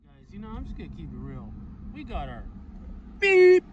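A man in his thirties hosting a casual fishing vlog from a bass boat on a lake, talking in an excitable, joking way into an action camera. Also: moderate pace, lo-fi sound, slight background noise. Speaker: fishing vlogger.

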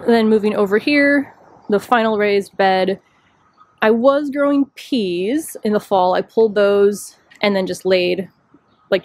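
A woman's voice: mid-range voice, no echo. Woman, casual garden vlogger, chatty and self-deprecating, dry outdoor sound on a handheld phone. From Chicago area. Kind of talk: casual walking tour narration. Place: outdoor rooftop deck. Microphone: handheld phone camera, speaker off screen.

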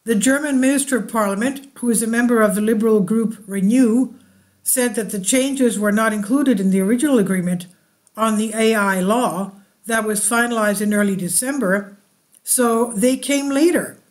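A woman hosting her own channel reads a translated news article aloud, slow and deliberate, tossing in asides to her viewers. Her voice is fairly high.

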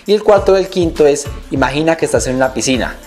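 A young male fitness coach explains lifting technique straight to camera, animated and gesturing as he talks. His voice sits a little high for a man. Faint music plays under him in a small home studio. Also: fast. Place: small home studio in front of a wall poster. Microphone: handheld lapel mic held in hand.

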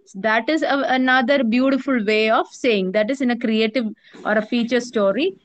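A woman with an Indian English accent teaching a journalism class online, explaining patiently, repeating her points and pausing with many fillers. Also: fairly high pitch, no echo, muffled recording.

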